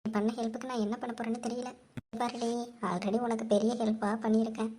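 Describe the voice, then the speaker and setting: A woman voicing chatty young village women in a cartoon, with lively gossipy banter. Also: a little high, fast, background noise, close to an everyday voice. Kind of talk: cartoon voice acting. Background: background music.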